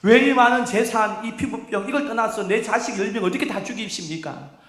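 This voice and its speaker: A man's voice: high-pitched, fairly quick, a bit bright, reverberant, pitched above the performer's own voice. A man voicing a suffering man who protests and pleads, accusing God of injustice. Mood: anguished.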